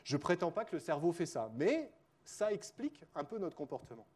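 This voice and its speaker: Guy doing a relaxed science lecture, kinda high voice but mellow, lots of euh and hein, dry jokes. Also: fairly quick. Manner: chatty, with many "euh" and "hein" fillers and self-corrections; wry, joking asides. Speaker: cognitive science researcher giving a lecture. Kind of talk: spontaneous conference lecture.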